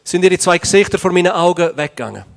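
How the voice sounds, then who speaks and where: High-voiced interpreter man. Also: expressive, vocal fry. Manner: quick, earnest, sometimes stumbling over words. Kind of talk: live consecutive interpretation.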